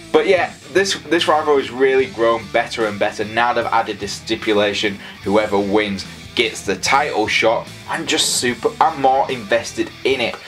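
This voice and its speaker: Excitable guy rambling predictions. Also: mid-range voice. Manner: excitable, rambling, talks straight to viewers. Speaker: wrestling predictions host. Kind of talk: casual predictions vlog.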